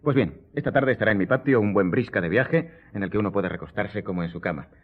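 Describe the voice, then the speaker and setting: A worldly, ironic gentleman count in a radio drama. His low voice is theatrical and courtly, and the recording is muffled and thin like a telephone line. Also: quick pace, slightly rough. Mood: courtly, inviting. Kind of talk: Spanish radio drama acting.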